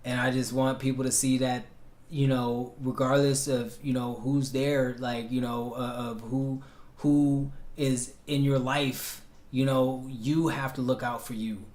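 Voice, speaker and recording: A man's voice: mid-range voice, level tone, a little slow, darkish tone. Reflective man in his thirties, roomy echo. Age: 30s. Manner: rambling, reflective, many fillers and restarts. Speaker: host. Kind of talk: casual self-interview.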